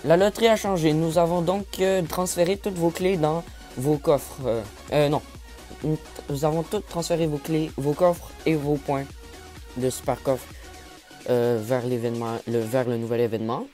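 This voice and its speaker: A man with a mellow, soft-edged voice talks through a game update in casual commentary, reading notes aloud. He stumbles over words, restarts and apologizes for his stammer. Faint music plays behind him. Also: a little high, fairly even intonation, normal speed. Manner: stammers and apologizes often, many fillers. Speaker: gaming YouTuber.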